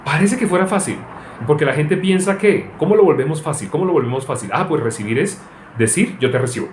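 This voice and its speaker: A man's voice: fairly high pitch, lively intonation, fairly quick. A man teaching the Bible as a preacher, firing rhetorical questions and mimicking people's prayers. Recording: echoey room with faint ambient noise.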